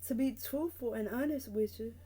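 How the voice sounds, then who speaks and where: A nineteen-year-old vlogger from North Carolina talks earnestly into her camera mic, repeating her points to encourage the viewer in a casual vlog. Her voice is a little high and warm, at normal speed, and slightly rough.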